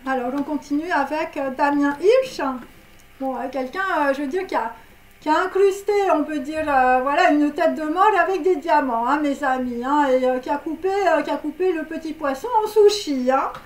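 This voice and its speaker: A woman whose voice sits high does a casual tarot reading at normal speed, with a reverberant sound. She meanders, heavy on fillers and tags, giggling at her own humor.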